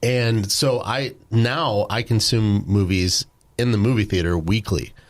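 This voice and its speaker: A man's voice: fairly low pitch, unhurried. A man co-hosting a podcast, chatting casually and bluntly, with frequent restarts. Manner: blunt, confident, many restarts. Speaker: podcast co-host. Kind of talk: casual chat.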